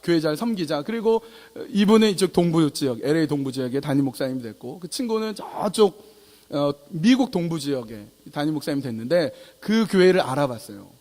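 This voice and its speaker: Lively high-voiced preaching man. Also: fairly quick. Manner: storytelling preacher, acts out dialogue. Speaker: pastor. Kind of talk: sermon. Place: church sanctuary. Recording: long hall reverb.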